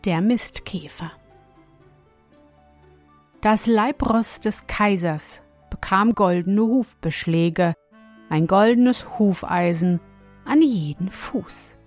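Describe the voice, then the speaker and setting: Slow, soft-spoken woman telling bedtime stories. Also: mid-range voice. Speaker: podcast host and storyteller. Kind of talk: gentle bedtime story narration. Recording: faint music behind.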